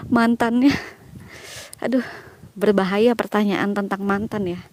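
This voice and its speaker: A woman's voice: medium pitch, steady tone, takes it slowly, slight background noise. A young Indonesian woman chatting casually as she walks outdoors and answers viewers' questions. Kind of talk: casual chat while walking. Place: outdoors walking through a quiet village.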